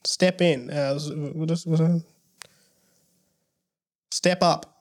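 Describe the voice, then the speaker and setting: A young adult early childhood educator chatting as a podcast guest. The voice sits at a middling pitch and often stops to restart a thought. Now and then a dry joke lightens the talk. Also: fairly even intonation, takes it slowly. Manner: hesitant, with many restarts and wry jokes. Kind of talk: casual podcast conversation.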